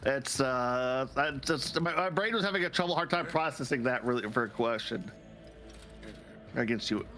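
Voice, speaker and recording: A man's voice: medium pitch, lively intonation, normal speed, bright, forceful tone, faint music behind. A man playing a story game on a shared stream, reading dialogue aloud and chatting casually, sometimes stumbling over words.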